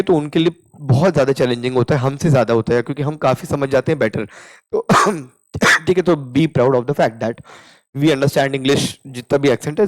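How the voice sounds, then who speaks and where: A young Indian-accented man runs an informal English lesson at a mid pitch. He slips between Hindi and English and slows right down to repeat each example sentence. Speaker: English teacher. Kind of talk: casual spoken English lesson.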